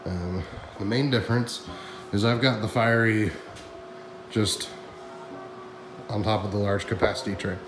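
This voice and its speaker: Walking his print shop for a casual vlog, a man in his thirties excitedly explains a new machine to viewers. His voice is lowish and unhurried with frequent pauses. The large room with a concrete floor echoes, the background is noisy, and music plays over the recording.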